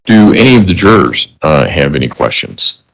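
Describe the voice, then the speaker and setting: A man with a husky voice presiding as judge, giving brief procedural directions in court. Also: rumbling low, big pitch swings, normal speed, poor audio.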